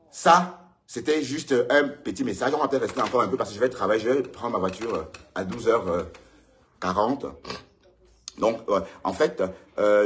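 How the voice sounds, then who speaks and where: A man hosting his own live stream alone with a ring light. He rants heatedly at rivals, repeating his warnings, and his pitch jumps up when he gets worked up. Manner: heated, repetitive, addresses rivals directly. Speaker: online show host. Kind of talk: solo live-stream rant.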